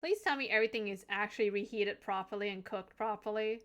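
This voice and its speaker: A woman's voice: medium pitch, fast, fairly bright tone. A young adult woman hosting a live stream, chatting casually and teasing, laughing often. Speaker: livestream host.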